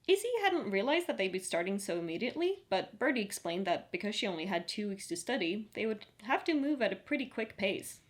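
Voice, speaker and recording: A woman narrating a story in an even, audiobook-style read. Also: medium pitch, a little fast, few pauses.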